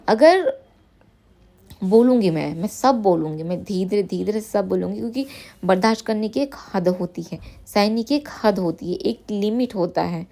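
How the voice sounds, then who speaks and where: A woman in her thirties vents in a vlog, defiant and wounded. Her mid-pitched voice has a gravelly, creaky edge. She keeps circling back to the same points and drops English words into her speech. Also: warm tone. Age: 30s. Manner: defiant, repetitive, emotionally hurt. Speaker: vlogger. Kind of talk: emotional vlog outburst.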